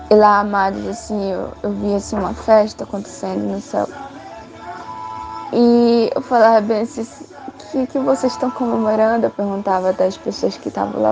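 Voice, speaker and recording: A young woman from Brazil giving a spoken church testimony of a vision, halting and repetitive with many restarts. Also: mid-range voice, vocal fry. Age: young adult.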